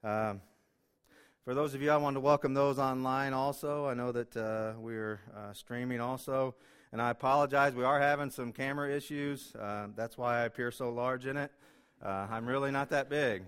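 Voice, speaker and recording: Male pastor, mid-pitch, clean and resonant voice, emotional delivery, filler-heavy church sermon. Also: fairly even intonation, moderate pace, a bit bright, clean tone. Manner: emotional, self-deprecating, with many fillers. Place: church sanctuary.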